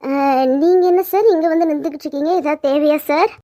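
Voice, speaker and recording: A woman's voice: sits high, fast, warm tone, close to an everyday voice. A woman voicing a shy young housemaid in a cartoon, who keeps pleading and denying that anything is wrong. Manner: earnest, pleading denials. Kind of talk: cartoon dubbing.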